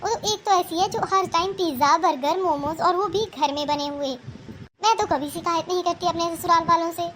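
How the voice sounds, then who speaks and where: Woman voicing a spoiled cartoon daughter, whiny and demanding, very high pitch. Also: normal speed, a bit bright, slight background noise. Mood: complaining. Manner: petulant, complaining. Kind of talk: cartoon voice acting.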